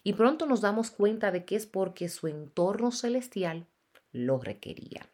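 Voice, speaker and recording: Lively-voiced woman translating a sermon. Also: medium pitch, normal speed. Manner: emphatic, preacherly delivery.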